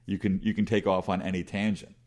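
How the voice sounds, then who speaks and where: Speaking quickly and flatly in a low, slightly mellow voice, a middle-aged man with a big voice appears as an interview guest. He tells rambling, self-deprecating stories in a casual conversational way, restarting often.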